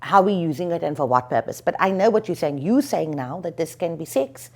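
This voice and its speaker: A woman talks through legal questions as an interview guest, her lowish voice rising and falling in a lively way. She weighs her points slowly, with plenty of "um" and "you know". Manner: measured, thinks aloud with frequent "um" and "you know". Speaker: attorney and lecturer, interview guest. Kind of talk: explanatory legal discussion.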